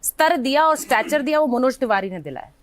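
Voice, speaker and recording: A woman's voice: sits high, expressive, brisk, dry recording. A woman interviewing a guest, persistent and confrontational in her questions.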